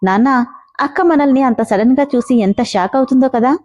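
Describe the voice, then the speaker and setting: Woman narrator as a chirpy youngest daughter; quick, bright-hearted, warm tone. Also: sits high, lightly acted. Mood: cheerful. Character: cheerful teenage girl, youngest daughter.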